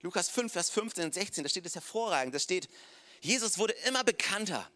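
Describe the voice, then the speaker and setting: Male pastor, high bright voice, casual lively sermon delivery peppered with English asides. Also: a little fast. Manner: casual, animated storytelling sprinkled with English "come on".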